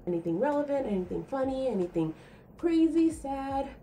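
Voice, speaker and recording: A woman's voice: high voice, sing-song, normal speed, warm tone, slight background noise, low-quality recording. A young woman telling a candid, rambling true story from her own life on her vlog. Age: young adult. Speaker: vlogger.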